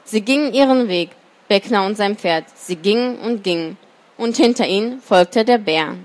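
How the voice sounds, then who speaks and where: A woman's voice: medium pitch, moderate pace, a little mellow. A woman reading a children's story aloud as storyteller, then commenting with some hesitation. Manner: hesitant with fillers when commenting.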